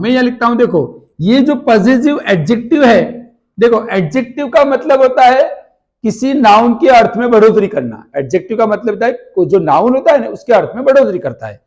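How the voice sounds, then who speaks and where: High-voiced man teaching grammar. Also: darkish tone. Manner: repeats questions and answers them himself, slow drawn-out examples. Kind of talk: explaining grammar at a board.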